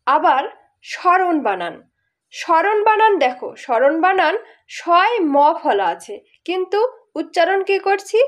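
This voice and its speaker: Brief: woman online tutor, high voice, animated, rhetorical questions. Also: measured pace, long pauses. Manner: explains step by step, asks rhetorical questions. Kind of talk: grammar lesson.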